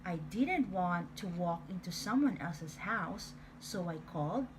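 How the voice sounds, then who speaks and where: A woman's voice: fairly low pitch, expressive, measured pace, background noise. A woman voicing a sly male wolf who tells his own side of a storybook tale in a playful, exaggerated way. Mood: self-justifying. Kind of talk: storybook reading.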